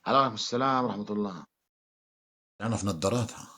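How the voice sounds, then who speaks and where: A man's voice: lowish voice, racing, a crowd in the background. A man hosting a casual live stream, bantering with and teasing his viewers. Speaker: livestream host.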